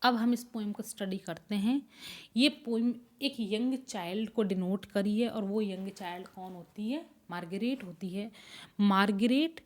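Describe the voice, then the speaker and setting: A woman's voice: medium pitch, unhurried. A woman teacher giving a classroom lecture on a poem, explaining patiently in Hindi mixed with English terms and checking in with her students.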